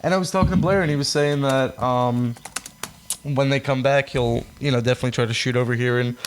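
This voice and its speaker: Brief: young male podcast co-host, mid-pitched voice, loose profane storyteller. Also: fairly even intonation, a little fast, a little hiss or hum. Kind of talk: casual chat.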